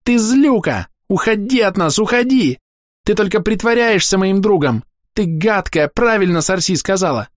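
A man's voice: high voice, expressive, moderate pace, no echo, clean studio sound, pitched above the performer's own voice. A man reading an audiobook and voicing a spoiled little girl who whines and wails. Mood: wailing. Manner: wailing, whiny. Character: whiny spoiled little girl, tantrum-prone.

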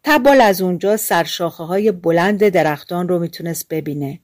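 A woman narrating fairy tales for an audiobook in a calm, colloquial storytelling manner. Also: lowish voice, no room sound, studio quality.

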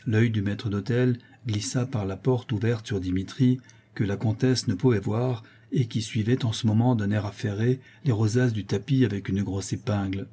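A man reading a classic novel aloud as audiobook narrator, in a steady, measured literary manner. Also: lowish voice, breathy edge. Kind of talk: scripted narration.

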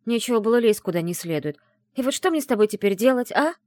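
A woman voicing a lively, scheming young female student of magic who talks bossily and excitedly. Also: a little high, dry recording, clean studio sound, pitched above the performer's own voice, lightly acted. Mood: agitated, bossy. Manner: bossy, fast and excitable.

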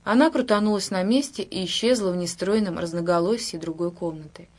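A woman narrating a book in a measured, even storytelling manner. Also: on the low side. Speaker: audiobook reader. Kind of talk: scripted narration.

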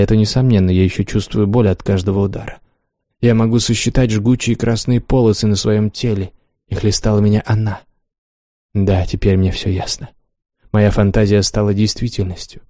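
Male audiobook narrator, low and mellow, measured dramatic reading, dry close mic. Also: dry recording.

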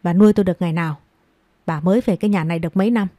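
A woman's voice: lowish voice, rapid-fire, warm tone, dry recording, studio quality, lightly acted. A woman playing a hurt, defiant young woman. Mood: hurt defiance. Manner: choked, pleading and defiant.

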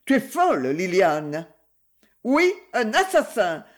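A jealous young wife, shrill and accusing, as a woman reader puts her on. The voice climbs high and swings widely, while the words come slow and heavy. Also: big pitch swings.

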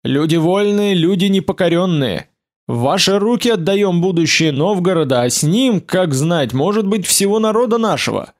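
A weary elder ruler speaks to a gathered city in a solemn, measured tone , as a man reading an audiobook puts him on. The voice sits a little high for a man. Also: lively intonation. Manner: solemn, measured public address.

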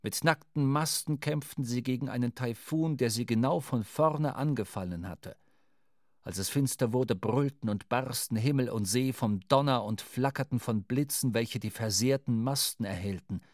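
Man narrating a radio play, calm and vivid, dry close sound. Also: mid-range voice, dry recording. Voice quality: measured, vivid storytelling. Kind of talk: scripted radio drama narration.

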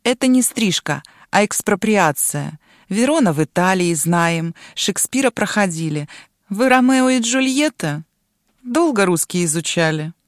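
A woman's voice: mid-range voice, lively intonation, a little slow, dry recording, studio quality, close to an everyday voice. A woman voicing a brash, bossy girl turned into a dragon, mocking and domineering. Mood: scornful.

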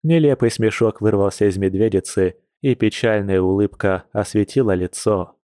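Calm male audiobook narrator. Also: lowish voice, normal speed, dry recording, clean studio sound. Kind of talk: scripted narration.

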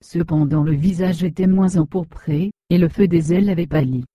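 A woman narrating a children's storybook in a steady, measured reading. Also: on the low side, dry recording.

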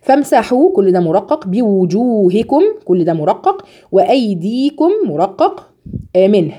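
A woman with an Egyptian accent teaching a tajweed lesson, drawing out recited words slowly and explaining the rules quickly between them. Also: mid-range voice, sing-song, mellow, husky. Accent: Egyptian Arabic. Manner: drills sounds slowly, then explains rapidly.

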